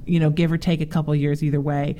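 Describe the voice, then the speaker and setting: A woman's voice: deep voice, little pitch movement, fast, mellow. A woman in her forties hosting a talk show, chatting casually and telling stories with animation. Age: 40s. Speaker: show host.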